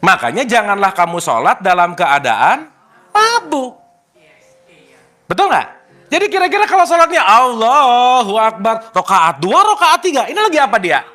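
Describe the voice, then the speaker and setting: A man's voice: high-pitched, very animated, moderate pace, sharp tone. A man leading a casual religious study talk, playful and teasing, slipping in English words. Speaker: spiritual teacher.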